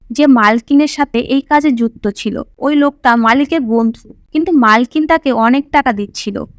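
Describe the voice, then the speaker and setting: A woman tells a suspense story in steady, scripted narration. Her voice sits high. The recording is close and dry. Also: no room sound. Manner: steady first-person storytelling.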